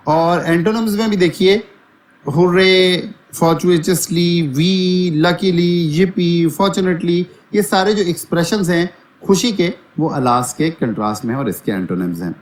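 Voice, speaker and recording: Man teaching a vocabulary lecture. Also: a little high. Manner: explains word by word, addressing "dear students".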